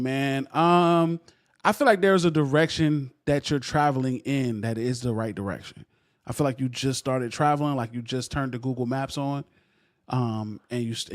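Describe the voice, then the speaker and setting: Young man reviewing music, casual slang. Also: mid-range voice. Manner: loose, joking slang-heavy talk.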